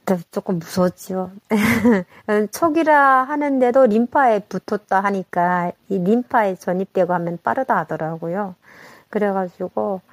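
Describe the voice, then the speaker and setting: A woman from North Korea with a North Korean accent, telling her own story in a casual interview in a halting, unpolished, colloquial way. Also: medium pitch, no room sound.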